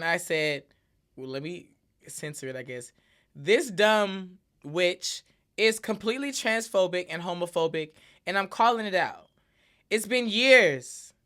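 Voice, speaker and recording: With a medium-pitched, fairly bright voice, a woman delivers a casual monologue on her own podcast. She speaks emphatically and keeps repeating filler tags.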